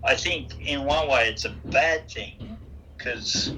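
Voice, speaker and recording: A man's voice: mid-range voice, slow, pushed and bright, slight background noise. An older Australian man, a musician guest, chatting casually over the phone in a rambling, self-deprecating way. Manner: rambling, self-deprecating, frequent restarts and fillers. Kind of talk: casual interview chat. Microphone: phone call. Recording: phone-line interview.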